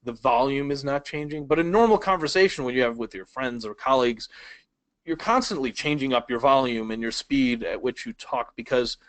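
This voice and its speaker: A man's voice: mid-range voice, a little fast, no echo, poor audio. Dry-voiced man teaching a webinar. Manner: conversational, asks the audience questions; varies speed and loudness for emphasis. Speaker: speed reading instructor. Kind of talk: webinar lesson. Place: indoors at a laptop.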